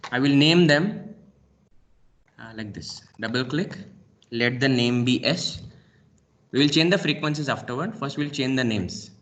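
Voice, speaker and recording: A man with an Indian English accent, a lecturer walking through a software lab demonstration step by step and saying "okay" often. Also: medium pitch, lively intonation, measured pace, long pauses. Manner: talks through each click step by step, frequent "okay". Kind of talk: screen-recorded software lab demo.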